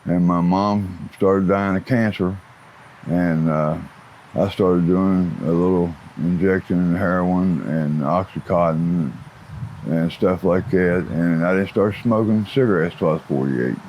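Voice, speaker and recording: A man in his fifties with an Appalachian accent, talking like a plain-spoken biker with rough folksy grammar as he answers interview questions about his life. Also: low-pitched, measured pace, lo-fi sound. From West Virginia. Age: 50s. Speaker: interview guest, former biker gang associate. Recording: clear outdoor ambient noise.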